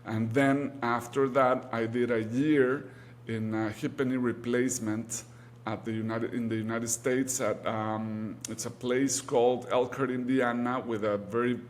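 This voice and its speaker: As an interview guest, this Mexico City orthopedic surgeon, a native Spanish speaker with a Mexican accent, responds haltingly and repeats words to stress points. He speaks unhurriedly in a steady, mid-range voice.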